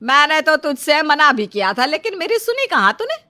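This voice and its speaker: A woman voicing a bossy older mother-in-law in a cartoon story, taunting and sharp. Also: high voice, very animated, normal speed, exaggerated voice. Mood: scolding.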